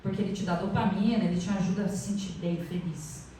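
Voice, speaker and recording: A woman's voice: medium pitch, fairly even intonation, quick pace, warm tone, a little hiss or hum. Middle-aged Brazilian woman, spiritual lecturer, chatty and audience-facing; echoey hall, distant mic. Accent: Brazilian Portuguese. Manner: chatty, asks the audience often.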